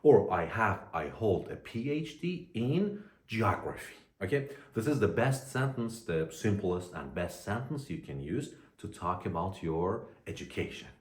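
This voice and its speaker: A man teaching an English lesson to learners, speaking deliberately and repeating phrases for them to copy. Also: low-pitched, sing-song. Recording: echoey room.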